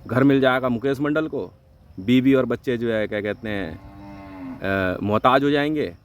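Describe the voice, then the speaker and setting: A man from India ranting angrily and swearing heavily in a vlog, jumping between loud outbursts and low mutters. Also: normal speed. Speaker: vlogger. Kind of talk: angry profane rant to camera.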